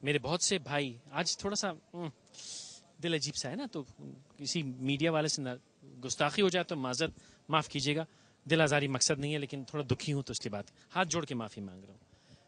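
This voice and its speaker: A man's voice: fairly high pitch, fairly bright tone. A man hosting a TV show, speaking earnestly and with grief in an on-location monologue, standing outdoors near a bomb site and mixing English phrases into his speech. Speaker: TV show host.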